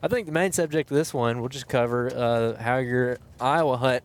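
A man's voice: medium pitch, moderate pace. Man, mid-range voice, casual podcast host, easygoing conversational delivery, recorded in a truck. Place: inside a truck being driven.

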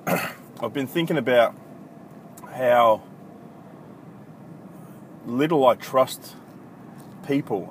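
An Australian podcast host from country Victoria rambles through a casual solo monologue in a medium-pitched voice, blunt, swearing, and saying um a lot. He records on an iPhone, and the phone audio is noisy with traffic.

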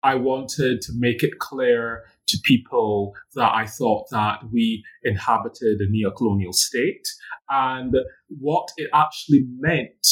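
A man from Barbados, a guest author answering interview questions in a measured, thoughtful way with some fillers. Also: mid-range voice, a bit bright, slightly rough, poor audio. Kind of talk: academic interview.

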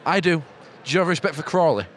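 British man bantering, lively and high-pitched. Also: quick pace. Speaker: football podcast co-host. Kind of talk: casual banter and match chat. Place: outdoors at a football ground. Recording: noisy outdoor stadium with traffic.

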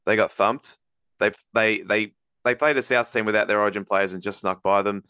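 A man hosting a casual sports podcast, breaking down games in a rapid, rambling analytical way with many restarts. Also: lowish voice, steady tone, pushed and bright, clear, resonant tone, no echo, clean studio sound. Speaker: podcast host.

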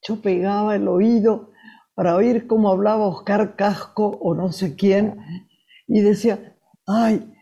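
An older woman with a Rioplatense accent and an unusually deep voice, a guest telling lively anecdotes about her childhood. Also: measured pace, vocal fry, breathy edge, lo-fi sound. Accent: Rioplatense Spanish. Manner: lively anecdotes told with laughs. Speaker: guest, actress. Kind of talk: casual storytelling.

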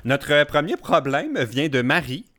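A man with a Quebec French accent hosting a casual podcast chat, playful and quick to laugh. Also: fairly high pitch, big pitch swings, a bit bright. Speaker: podcast host.

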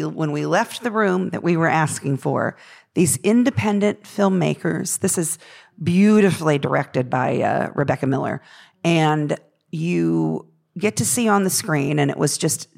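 A woman with a gravelly, tired voice worn from a late night, speaking off the cuff as a union representative in an earnest, halting, discursive way. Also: deep voice. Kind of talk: unscripted spoken remarks on union issues.

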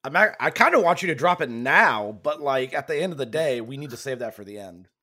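A man's voice: medium pitch, lively intonation, a little fast, pushed and bright. A man hosting a casual sports podcast, talking in a rambling, self-correcting way while losing his voice. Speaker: podcast host.

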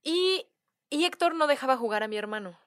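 Lively Mexican woman telling a story. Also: sits high, a little fast. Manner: animated storytelling, laughs often, acts out relatives' lines. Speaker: guest storyteller. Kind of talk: casual podcast chat.

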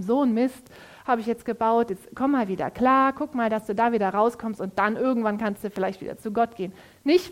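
A woman's voice: fairly high pitch, darkish tone. A woman preaching a sermon in a casual, conversational way, speaking straight to her listeners.

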